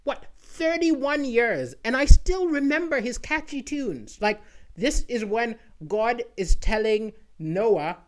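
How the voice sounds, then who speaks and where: This male comedian speaks slowly in a notably high-pitched voice, rambling casually to an online audience and often tacking "right?" onto his lines.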